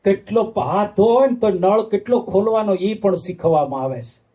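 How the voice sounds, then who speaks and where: A man's voice: high-pitched, normal speed, warm tone, muffled recording. A man, a monk giving a devotional sermon, who sings verses and asks the audience emphatic questions. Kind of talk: devotional discourse with sung verses.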